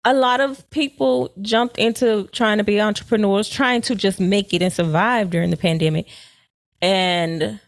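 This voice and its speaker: A woman's voice: mid-range voice, no echo, clean studio sound. A woman co-hosting a casual podcast, talking at length with many fillers. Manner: talkative, frequent fillers and laughter. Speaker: podcast co-host.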